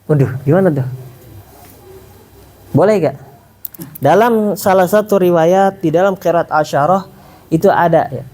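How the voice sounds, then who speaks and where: A man giving a casual tajwid lesson, quizzing his listeners and sounding out letters slowly. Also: high voice. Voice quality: animated, quizzing the audience, demonstrating sounds slowly. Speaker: Quran recitation teacher.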